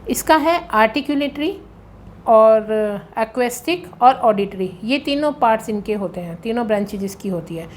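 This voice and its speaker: A woman teacher works through exam questions at a patient pace, repeating key points and reading out the terms. There is a faint hum under the recording. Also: on the high side. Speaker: English grammar teacher. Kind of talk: exam-prep lesson explaining questions.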